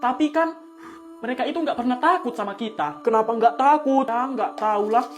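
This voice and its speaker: A young adult comedy performer voicing every role in a family skit, switching quickly between bickering characters. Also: medium pitch, faint music behind.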